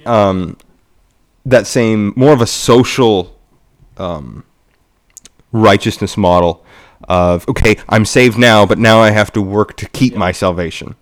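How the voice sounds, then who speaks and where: A man's voice: lowish voice, takes it slowly, pauses often. A man co-hosting a casual podcast discussion, teasing the others and circling around his points. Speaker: podcast co-host.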